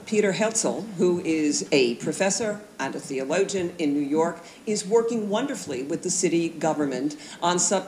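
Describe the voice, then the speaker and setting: A woman speaking briskly on a panel, with frequent fillers. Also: lowish voice, a little mellow, a little hiss or hum. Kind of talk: academic panel discussion. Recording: roomy hall with faint ambience.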